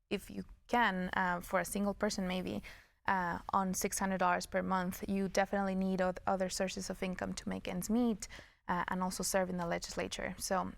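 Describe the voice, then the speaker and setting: Female interviewee, political candidate, earnest explainer, creaky texture, very dry close sound. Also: mid-range voice, no echo.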